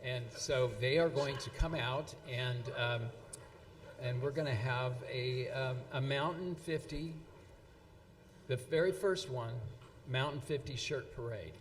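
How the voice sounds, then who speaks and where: Halting man presenting in a reverberant hall. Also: mid-range voice, a little hiss or hum. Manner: halting, many fillers and restarts. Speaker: event presenter. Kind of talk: speech reading quotations. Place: event hall.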